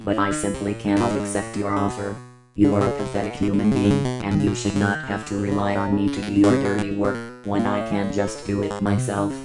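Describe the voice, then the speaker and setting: A text-to-speech robot voice playing a cold female villain supercomputer, formal and flat in its delivery. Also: a bass voice, rough recording. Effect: synthetic text-to-speech robot voice. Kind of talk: comedic text-to-speech video skit.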